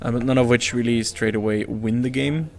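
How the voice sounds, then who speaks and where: Gravelly-voiced male game commentator. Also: mid-range voice, steady tone, a little fast, darkish tone. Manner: analytical, chatty and joking. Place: event venue.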